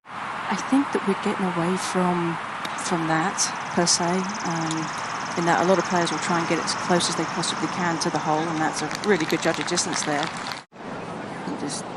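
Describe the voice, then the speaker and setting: A British woman delivers live golf commentary in a slightly low voice. She is measured and analytical as she reads each shot, over heavy outdoor background noise. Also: steady tone. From United Kingdom.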